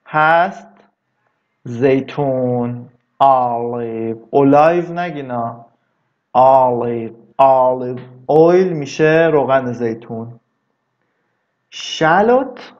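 Guy going over vocab words, says each one slow and stretched, chats in between, kinda dull lo-fi sound. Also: fairly high pitch. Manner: slow, drawn-out repetition of words, chatty asides. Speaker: English teacher. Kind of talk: casual vocabulary lesson.

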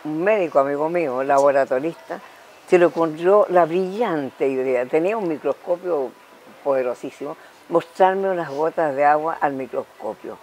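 A Chilean woman in her nineties, a talk-show guest telling lively anecdotes and punctuating them with spoken sound effects. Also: low-pitched, normal speed, slight background noise, poor audio. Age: 90s.

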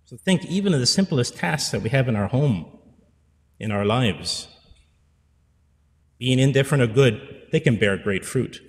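Speaking from the pulpit of a church sanctuary, this priest in his forties gives a heartfelt pastoral sermon on a stand mic and repeats phrases to drive points home. His mid-range voice has lively intonation, runs a little slow with frequent pauses, and trails off into long reverb.

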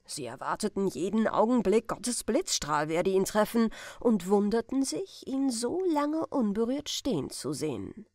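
A woman reading a classic adventure story aloud as a bedtime audiobook, calm and expressive. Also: medium pitch, unhurried, few pauses, no echo, studio quality. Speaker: audiobook reader.

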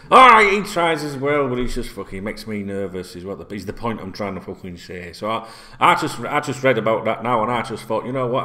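In a small indoor room with a plain wall, a middle-aged Yorkshire football vlogger addresses the camera directly, rambling and cursing freely in a casual, chatty rant. He has a mid-range voice with a sharp tone.

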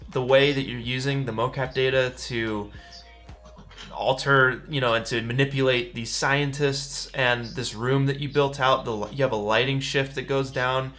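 A young man hosting a livestream interview over a headset, talking casually and with lots of eager praise. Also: medium pitch. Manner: energetic, effusive, casual slang. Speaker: livestream host. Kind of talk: casual enthusiastic interview chat. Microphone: headset on video call.

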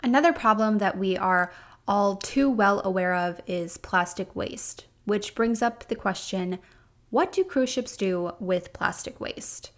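A woman's voice: medium pitch, measured pace. A woman hosting a podcast, reading a prepared script with a few casual asides of her own. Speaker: podcast host.

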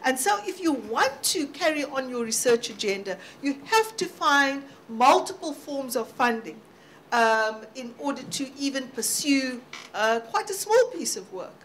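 A woman panelist giving measured, thoughtful answers in a roundtable discussion. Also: high-pitched, big pitch swings, a bit bright. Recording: faint background noise.

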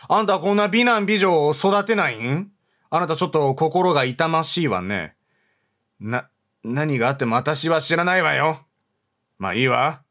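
A man's voice: mid-range voice, fairly bright tone, pitched below the performer's own voice, lightly acted. A man reading out the lines of a blunt, sassy woman guide in a game, in haughty feminine speech.

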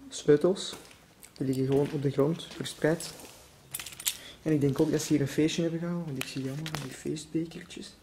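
A Flemish man with a fairly high voice narrates his walk through a derelict factory, keeping his voice low and often slipping into a whisper. The handheld camera mic picks up a steady noisy hiss under his words, and the vast empty halls carry his voice. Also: normal speed. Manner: hushed, often drops to a whisper while exploring. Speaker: urban explorer vlogger. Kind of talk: handheld exploration vlog narration. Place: abandoned factory, large empty halls indoors.

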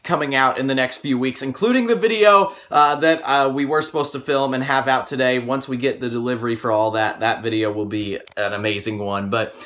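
A man's voice: mid-range voice, steady tone, a little fast, few pauses, fairly bright tone. A man in his twenties talking to camera as a vlog host, recorded in a small room at home. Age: 20s. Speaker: video host.

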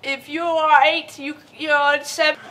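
A woman's voice: sits high, little pitch movement, unhurried, pushed and bright. A young woman co-hosting a casual game show who keeps joking and teasing her partner. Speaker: co-host. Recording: noisy room.

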